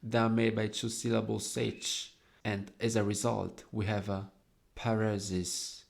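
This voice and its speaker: A young man slowly explaining the devices in his own poem, lingering over each quoted verse word. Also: on the low side, little pitch movement, creaky. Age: young adult.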